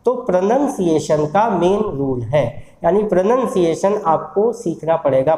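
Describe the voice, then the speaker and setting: High-voiced man teaching phonetics. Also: dark tone, roomy sound, low-quality recording. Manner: explains step by step, asking the class questions and answering them himself. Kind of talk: recorded classroom lecture.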